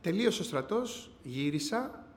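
Man's earnest testimony in a reverberant hall. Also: sing-song. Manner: earnest storytelling with quick rises and drops in pitch and loudness. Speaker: speaker giving a testimony. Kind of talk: personal testimony to a church gathering. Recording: long hall reverb, faint background noise.

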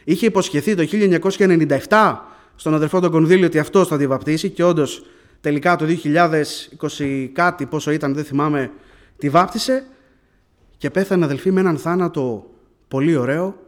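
A man preaching a sermon, telling testimony to the congregation and calling them brothers, rising into fervent prayer. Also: a little high.

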